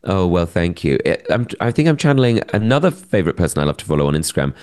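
Give me a man co-hosting a casual podcast chat. He talks quietly and slowly, with a deliberately low-energy manner. His pitch still rises and falls in a lively way. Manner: soft, slow, low-energy delivery. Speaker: podcast co-host.

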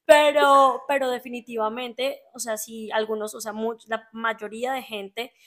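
A woman with a Colombian accent chats casually, full of slang and laughter. Her voice sits a little high and she talks with animated ease. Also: measured pace. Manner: lively, slangy, laughs often. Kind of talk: casual chat.

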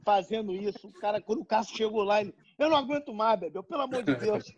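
A man's voice: high voice, normal speed, husky. A man telling a story to friends in casual chat, acting out the people in it. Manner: animated, acts out voices in quotes. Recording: dull lo-fi sound.

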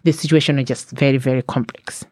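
A woman's voice: extremely low pitch, fairly even intonation, fast talker, darkish tone, no room sound, studio quality. A woman, speaking as an interview guest, hesitant and full of fillers and self-corrections. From Malawi. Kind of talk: conversational interview.

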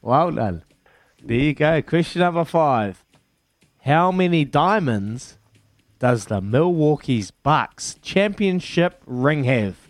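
A man's voice: fairly high pitch, lively intonation, slow pace, no room sound. A man with a New Zealand accent hosting a casual phone-in radio quiz, matey and fond of repeating his phrases.

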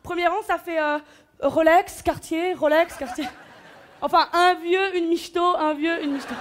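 A woman's voice: extremely high pitch, steady tone, measured pace, slight background noise. A woman doing stand-up comedy on a large stage, brash and teasing the audience. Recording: live show with music and crowd. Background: music and audience laughter.

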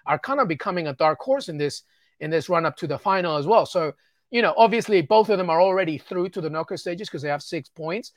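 A man analyses soccer as an interview guest, talking fluently and eagerly but stumbling over repeated words. His voice sits a touch high for a man. The recording is dry and close, with no room sound. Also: animated, fast, no echo. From England. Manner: fluent and enthusiastic, with frequent stammered repeats.

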